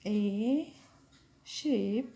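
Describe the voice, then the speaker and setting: A woman teacher slowly dictating an English vocabulary lesson to children, spelling words out letter by letter. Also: medium pitch, gravelly, warm tone.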